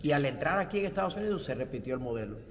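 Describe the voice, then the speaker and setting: A man's voice: a little high, animated, racing, long reverb tail, a crowd in the background. An older man from Cuba, a pastor and theology professor, answering interview questions in a reflective way with light self-deprecating humor. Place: studio set with bright backdrop.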